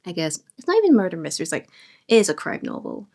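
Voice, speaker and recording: Young woman, book vlogger, chatty and bubbly, voice a touch lower than most. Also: huge pitch swings, fast, gravelly, a little mellow. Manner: chatty and enthusiastic, lots of fillers. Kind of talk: casual book review chat.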